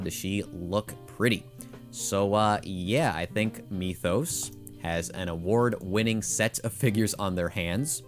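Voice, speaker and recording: A young man with a slightly hoarse voice, casually reviewing products in a chatty, opinionated way, thinking aloud with frequent fillers. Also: fairly low pitch. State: losing his voice. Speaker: figure collecting channel host.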